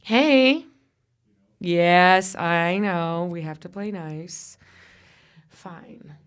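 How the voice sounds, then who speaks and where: Extremely slow and smooth, her low voice shows slight wear from vaping. This Buffalo, New York woman hosts a comedy podcast from a studio, chatting in a crude, jokey, rambling way and cursing often.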